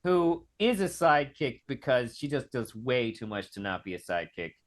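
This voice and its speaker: A man's voice: mid-range voice, very animated, moderate pace. Hesitant man hosting a video call chat. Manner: hesitant, filler-heavy with many "like"s. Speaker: host. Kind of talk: casual film discussion.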